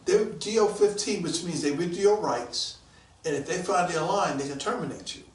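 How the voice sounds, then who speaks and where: A man around sixty tells his stories in a casual interview, lively and quick to act out other people's words. His voice sits a little high for a man. It echoes off a roomy space, with the mic set back from him. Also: far from the mic. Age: about 60. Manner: animated, acts out quoted voices, gets excited. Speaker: guest, police detective.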